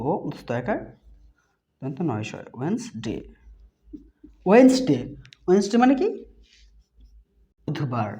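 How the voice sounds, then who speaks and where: A woman teaching a beginner reading lesson. She spells letters out one by one, repeats words slowly, and asks questions that she answers herself. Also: low voice, huge pitch swings, mellow. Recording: dull lo-fi recording.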